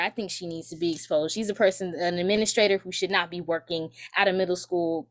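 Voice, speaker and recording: A woman student giving earnest personal testimony at a community forum, with many fillers and restarts. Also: mid-range voice.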